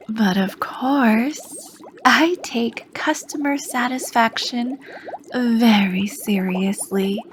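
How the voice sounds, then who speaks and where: In an ASMR roleplay, a woman plays a charming, sly female potion master running a shop, speaking softly and flirtatiously and often slipping into whispers. Her pitch is fairly high, and a little hiss or hum sits in the recording.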